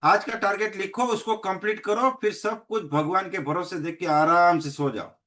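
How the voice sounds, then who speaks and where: A man's voice: high voice, fairly even intonation, normal speed, sharp tone. A middle-aged man with a Gujarati accent giving a motivational network marketing training talk, telling stories and acting out the people in them. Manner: storytelling, acts out dialogues in many voices. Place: meeting hall.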